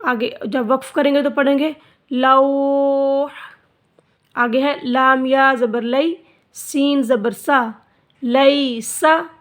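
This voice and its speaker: Slow, high-voiced woman teaching recitation. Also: fairly even intonation, a bit bright. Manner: spells letters and vowels, then draws out each word. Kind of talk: slow spelled-out recitation lesson.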